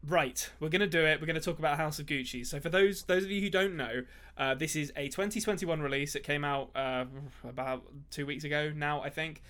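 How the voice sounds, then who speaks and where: A man co-hosting a casual movie podcast, his voice sitting a little high. He rambles through his points with plenty of ums and restarts, dropping dry asides along the way. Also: brisk, few pauses, a bit bright. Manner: rambling, filler-heavy, dry jokes. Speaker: podcast co-host.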